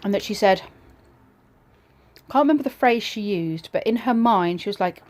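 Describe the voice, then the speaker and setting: A woman casually telling a personal ghost story in a reflective, slightly hesitant way, pausing between short phrases. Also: mid-range voice, expressive, a little mellow.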